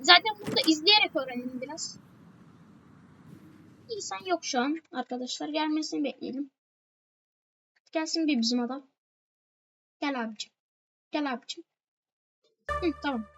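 A woman's voice: high-pitched, moderate pace, long pauses, sharp tone, rough recording. A woman giving a chatty game walkthrough, repeating her warnings again and again. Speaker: gameplay walkthrough host. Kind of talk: casual game tutorial commentary.

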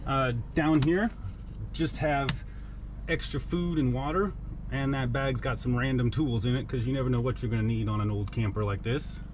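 A man's voice: mid-range voice, normal speed, noisy background. A middle-aged man giving a casual, matter-of-fact walkthrough of his old truck camper, filmed on a handheld camera. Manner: relaxed, matter-of-fact, practical. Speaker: vlogger giving a camper tour. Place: inside and around an old truck camper outdoors.

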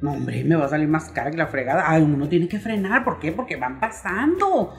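A woman's voice: low-pitched, sing-song, fairly quick, soft background music. Exasperated Mexican woman ranting comically. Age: middle-aged. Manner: exasperated, grumbling, mock-outraged. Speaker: vlogger. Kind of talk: comic rant to camera.

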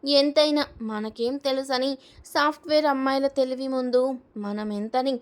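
A woman voicing a nosy middle-aged neighbor in a storybook reading, confiding in a low, careful way. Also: fairly even intonation, moderate pace, close to an everyday voice.

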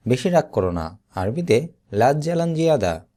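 A man from Bangladesh teaches Arabic vocabulary in a slow drill, saying each word slowly and then repeating it. His repetition is deliberate, with a lively pitch.

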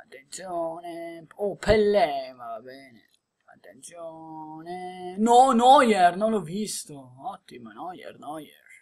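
A woman giving excited gameplay commentary as she opens card packs, exclaiming and laughing often. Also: low-pitched, very slow. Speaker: gaming video creator.

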